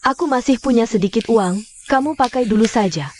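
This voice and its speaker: A woman voicing a gentle, soft-spoken young mother and caring older sister in a dubbed drama series, with music behind her. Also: fairly high pitch, a little fast, a little hiss or hum, lightly acted. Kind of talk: Indonesian dub of a drama series. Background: background music.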